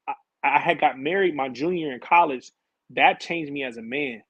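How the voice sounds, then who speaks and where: Husky guy, chatty slangy storyteller, dry close sound. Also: on the high side, moderate pace, dry recording, lo-fi sound. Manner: animated, slangy storytelling, acts out his own past conversations. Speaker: interview guest, former college and pro basketball player. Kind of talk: casual storytelling interview.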